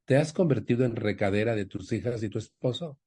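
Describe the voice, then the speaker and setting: A man's voice: brisk, dark tone, husky. A man speaking at a support group, counseling a woman with a personal story and acting out his family's lines. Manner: acts out quoted family members with raised pitch. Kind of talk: storytelling counsel to an audience member.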